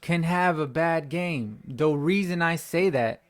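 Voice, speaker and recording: A young man who hosts a sports fan channel delivers a frustrated post-game rant at home, speaking slowly in a slightly high voice. It cracks as he goes, and he keeps rambling and repeating himself.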